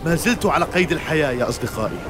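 Man as Sindbad, a lively high-pitched adventurer. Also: rapid-fire, over music, lightly acted. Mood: resolute. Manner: theatrical, coaxing, declamatory. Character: cunning, spirited adventurer sailor, male hero. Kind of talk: dramatised children's audio story.

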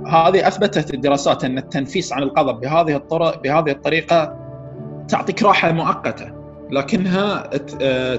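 Man with explaining stuff quick, kinda muffled recording with music underneath. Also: medium pitch. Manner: explains patiently with everyday examples, many pauses and restarts. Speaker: psychiatrist guest. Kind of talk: casual expert explanation.

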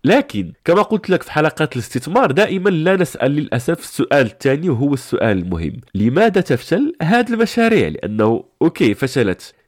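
Animated man with a stuffy nose. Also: medium pitch, no room sound, studio quality. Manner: emphatic, instructive, repeats key points. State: stuffy nose from a head cold. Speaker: podcast host. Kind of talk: motivational business advice monologue.

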